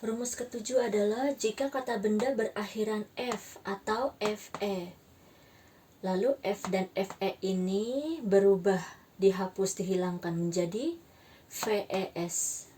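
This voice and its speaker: A woman teaching an English grammar lesson, slowly spelling out letters and repeating each example word. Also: mid-range voice, steady tone, warm tone, recorded from a distance, a little hiss or hum. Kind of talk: slow, careful grammar lesson.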